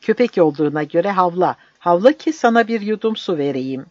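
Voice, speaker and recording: A man voicing a cruel, mocking soldier who shouts and taunts, on a dull, dry recording. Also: high-pitched, expressive, brisk, no echo, voice pushed up. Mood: taunting. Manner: jeering, shouting.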